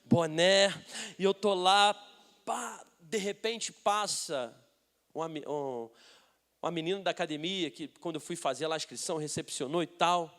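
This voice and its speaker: A young Brazilian man, a pastor, preaching a sermon full of funny stories, sometimes dropping to a hushed voice and sometimes building to loud, emphatic preaching. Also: on the high side, normal speed. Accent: Brazilian Portuguese. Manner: humorous, drops to a hushed voice for asides. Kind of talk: sermon with storytelling.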